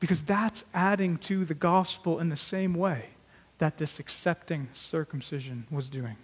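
High-voiced preacher in a reverberant hall. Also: male voice, normal speed, husky. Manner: earnest, emphatic preaching with swells in volume. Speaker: pastor. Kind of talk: sermon.

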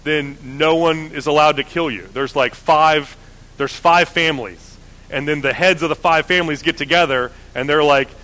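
A man's voice: fairly high pitch, fairly even intonation, moderate pace, bright, forceful tone, poor audio. A man teaching the Bible in a casual, conversational way, often correcting himself. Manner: conversational, self-correcting, many fillers.

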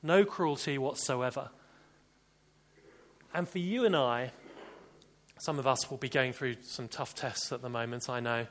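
A man preaching a sermon, earnest, with emphatic bursts that drop back to soft, deliberate phrases. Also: mid-range voice, a little hiss or hum.

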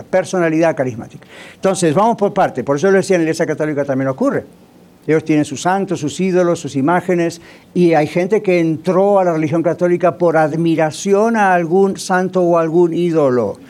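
A man's voice: on the high side, fairly quick, darkish tone. A male pastor preaching a sermon in a conversational way, often asking the congregation rhetorical questions.

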